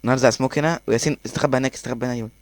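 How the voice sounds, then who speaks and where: A man with an Egyptian accent giving excitable gameplay commentary, laughing often and talking to himself as he plays. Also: medium pitch, racing, no echo. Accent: Egyptian Arabic. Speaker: gaming YouTuber.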